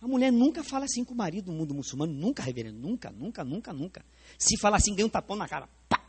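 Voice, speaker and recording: This pastor's voice sits high and has a breathy edge, and he talks in rapid-fire bursts with a Brazilian Portuguese accent. Preaching in a church sanctuary, he animatedly stages a live demonstration and asks the congregation questions head-on.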